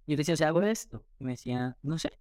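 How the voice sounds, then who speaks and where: A man tells his story at a quick clip, with a slightly high voice. He acts out what others said to him as he goes. The sound is dry and close. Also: dry recording. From Colombia. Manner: fast, animated retelling with acted quotes. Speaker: entrepreneur guest. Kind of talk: storytelling in an interview.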